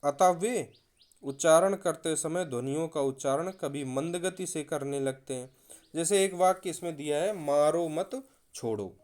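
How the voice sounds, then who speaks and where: A man's voice: fairly high pitch, measured pace, darkish tone. A man teaching a recorded video lesson, explaining with spoken examples and stressing words to show their meaning.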